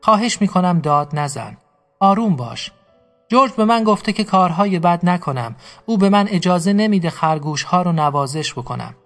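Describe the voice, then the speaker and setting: A huge, simple-minded farmhand with a childlike, pleading way of talking, as a male storyteller puts him on. The voice sits a little high for a man, with faint music behind. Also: lively intonation, big-room sound.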